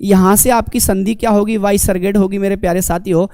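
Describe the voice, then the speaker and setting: A man's voice: sits high, fairly even intonation, fairly quick, warm tone, no echo, clean studio sound. A man teaching an online exam-prep lecture, asking the class questions and answering them himself, calling the students his dear companions.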